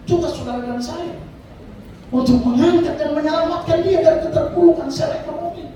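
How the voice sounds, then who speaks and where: A man preaches with a high, very dark voice, tossing in amen and hallelujah between his points. He sounds far from the mic in a booming, echoey church hall with faint noise behind him. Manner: animated preaching, punctuated by calls of amen and hallelujah. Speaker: pastor. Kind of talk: sermon.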